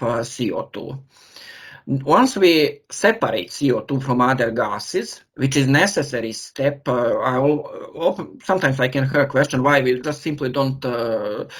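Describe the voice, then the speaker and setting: A man from Serbia, a professor giving an online lecture, pausing often as he searches for words over a video call. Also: mid-range voice.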